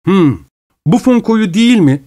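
A brusque young male painter in an audiobook, read by a man. He breaks in abruptly, his voice pushed up high and loud. The lines come short and offhand. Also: very animated, normal speed. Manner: abrupt, shouting out. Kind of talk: audiobook character reading.

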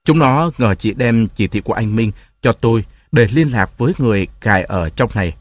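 Guy reading old herb doctor, calm, holding back, lively but even. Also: lowish voice, brisk, no echo. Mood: grave. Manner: calm, restrained. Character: old wounded herbal healer, patient.

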